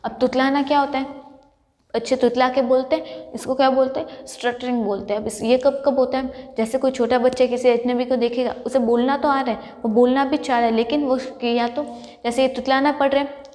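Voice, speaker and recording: A woman's voice: high voice, fairly even intonation, brisk, a little mellow, big-room sound. A woman college lecturer giving a classroom lecture, explaining step by step and answering her own questions.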